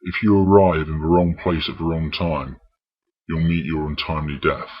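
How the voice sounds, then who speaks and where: A man narrating a scripted retro video game review in a husky voice. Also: very deep voice, steady tone, normal speed. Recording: dull, muffled lo-fi voice track.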